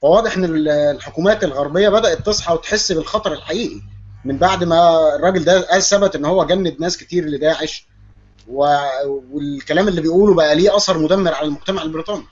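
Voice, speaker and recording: A man with an Egyptian Arabic accent speaking as a guest in an online panel discussion over an internet call. He talks briskly, with a mocking edge. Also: on the high side, darkish tone, husky. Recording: dull lo-fi call audio.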